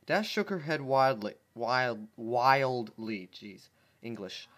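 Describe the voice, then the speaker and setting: In a slow, slightly bright, mid-range voice with lively intonation, a channel host reads a fan story aloud and reacts to it. He is amused, laughs at the text, and frequently stumbles while commenting casually.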